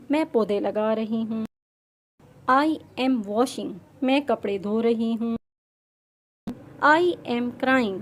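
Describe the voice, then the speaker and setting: A woman gives a grammar lesson. She reads each example sentence slowly and clearly, then gives its translation. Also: fairly high pitch. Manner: slow, carefully enunciated example sentences. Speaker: English teacher.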